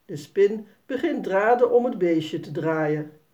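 A woman reading a children's story aloud in a slow, expressive way. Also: mid-range voice, dull audio.

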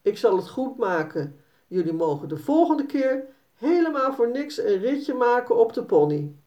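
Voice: mid-range voice, big pitch swings, normal speed, warm tone, pitched above the performer's own voice, lightly acted. A woman doing a kindly, good-natured farmer. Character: friendly farmer, grown man, good-natured. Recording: dull, slightly distant recording.

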